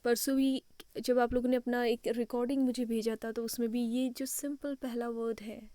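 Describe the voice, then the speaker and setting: Lady teaching english in hindi and english, spells words out, mellow kinda high voice. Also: flat delivery, moderate pace, dry recording. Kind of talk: online English lesson in mixed Hindi and English.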